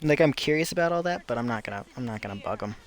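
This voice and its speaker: A man's voice: mid-range voice, expressive, rapid-fire. A man streaming a game, chatting casually and telling playful, rambling stories. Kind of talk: casual chat while gaming.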